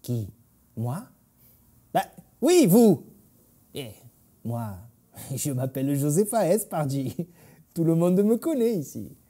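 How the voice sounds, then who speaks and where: A man's voice: on the high side, sing-song, slow pace, long pauses, warm tone, exaggerated voice. A man playing a cocky young southern singer. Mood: indignant. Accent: southern French. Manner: cocky, swearing freely. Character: proud brash young southern male singer.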